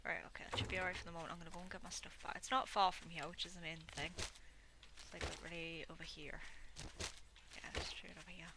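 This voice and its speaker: A young woman chatting casually and self-mockingly while playing a game, sometimes muttering quietly to herself. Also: on the low side, little pitch movement, fast. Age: young adult. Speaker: gameplay video host. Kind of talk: casual gameplay commentary. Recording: noisy home recording.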